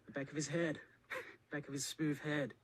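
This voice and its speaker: Husky-voiced man, playful commentary. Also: fairly high pitch, level tone, normal speed. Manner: laughs along, playful. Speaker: filmmaker on a commentary track. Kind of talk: joking film commentary.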